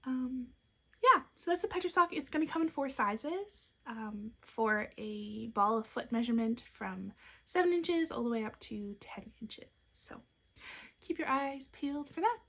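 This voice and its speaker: A young knitwear designer hosts her podcast in a slightly high, slightly slow, creaky voice, showing off her designs in casual show-and-tell chat. She's chatty and upbeat, drops soft asides, and has the hiccups.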